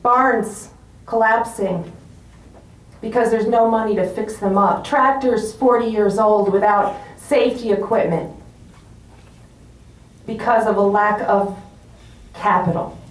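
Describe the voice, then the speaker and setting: A woman giving a rousing political rally speech, speaking deliberately in short, emphatic phrases. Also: medium pitch, fairly even intonation. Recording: roomy echo, distant microphone.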